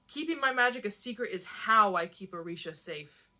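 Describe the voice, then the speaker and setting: A woman's voice: mid-range voice, animated, normal speed, bright, forceful tone. A woman reading aloud as an earnest, defensive young male prince who argues and pleads. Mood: insistent. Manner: insistent, pleading.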